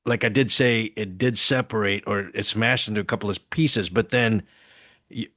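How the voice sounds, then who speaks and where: Low-pitched man, easygoing podcast co-host, dry close sound. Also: steady tone, normal speed, a bit bright, dry recording. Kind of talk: casual reaction chat.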